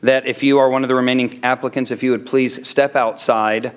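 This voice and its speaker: A man's voice: mid-range voice, steady tone, brisk, clear, resonant tone. Man chairing a public meeting. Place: indoor council chamber, dais microphone.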